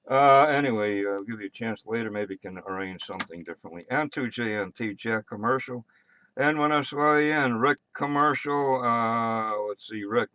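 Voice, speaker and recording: Man, American, radio net controller, casual check-ins and announcements, halting, offhand, dry sound. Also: fairly low pitch, sharp tone, smooth, dry recording. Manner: halting, offhand, muttered asides.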